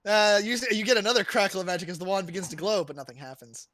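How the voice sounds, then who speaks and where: A man's voice: sits high, expressive, racing, sharp tone, no echo. A man running a tabletop game as game master, narrating with playful, dramatic flair.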